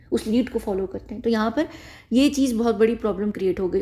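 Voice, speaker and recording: A woman's voice: on the high side, warm tone. A woman talking casually to her viewers in a rambling way, repeating phrases and correcting herself as she goes. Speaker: YouTube commentator. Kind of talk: casual spoken commentary to camera.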